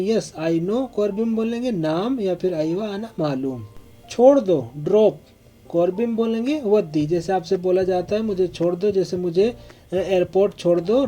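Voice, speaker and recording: A man's voice: high voice, dark tone. A man giving a spoken language lesson, repeating each phrase methodically. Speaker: language teacher.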